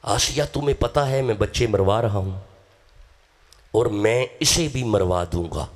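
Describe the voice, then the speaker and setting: A man's voice: fairly low pitch, voice pushed down. A man voicing a cruel, threatening tyrant king in a dramatized sermon story.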